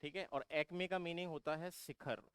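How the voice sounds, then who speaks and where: A man's voice: fairly high pitch, steady tone, moderate pace, a bit bright, clear, resonant tone, no echo. A man teaching exam vocabulary who keeps asking his students questions and then answering them himself, calling them "beta". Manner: repetitive, drilling explanation. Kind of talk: vocabulary lesson for exam prep.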